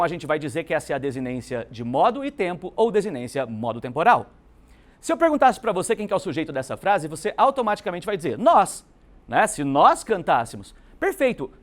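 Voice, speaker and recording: A male Brazilian teacher leads an exam-prep grammar lesson in a high, lively voice. His delivery is emphatic and animated, rising and falling a lot. He keeps checking in with his students as he explains. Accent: Brazilian Portuguese.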